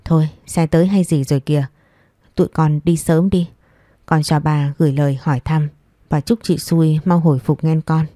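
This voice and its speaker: A woman's voice: low voice, fairly even intonation, moderate pace, mellow, no echo, clean studio sound, lightly acted. A woman voicing a stern old father who rebukes his wife firmly. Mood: gentle. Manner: stern, firm, reproachful. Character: stern old father, strict family head.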